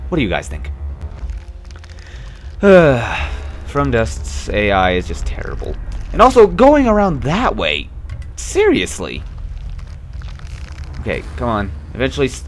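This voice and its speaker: A young man hosts a casual let's play, rambling and wryly griping about the game, sounding a bit stuffy with a slight cough. His medium-pitched voice swings widely at normal speed, with long pauses and soft background music.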